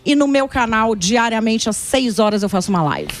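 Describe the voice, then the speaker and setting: A woman's voice: fairly high pitch, expressive, normal speed. A woman from Brazil, a columnist guest on a talk show, speaking earnestly about her mission and her faith. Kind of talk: casual talk show chat.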